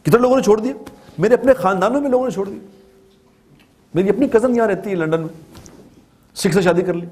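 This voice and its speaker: A man's voice: sits high, pauses often, a little mellow. A man from Pakistan giving a religious talk, telling a story with repeated phrases for emphasis. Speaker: preacher.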